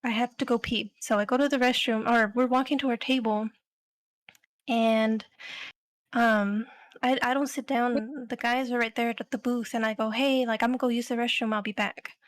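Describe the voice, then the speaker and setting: A woman's voice: a little high, steady tone, normal speed, no echo. Chatty young woman telling a story. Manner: rambling, filler-heavy storytelling with "like" and "um". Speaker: podcast co-host. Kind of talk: casual storytelling chat.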